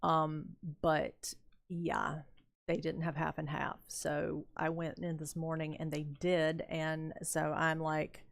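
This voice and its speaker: A woman's voice: low-pitched, completely flat delivery, slow pace, creaky. An older woman streamer chatting casually and telling a rambling story while she plays a game, laughing often. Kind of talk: casual chat while playing.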